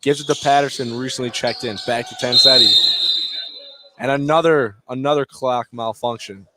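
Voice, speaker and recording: Sitting courtside at an indoor high school gym, a man calls basketball live for radio, firing off short, fragmentary bursts about the action. The pitch is medium and the intonation fairly even, the pace moderate, with a lot of noise in the recording.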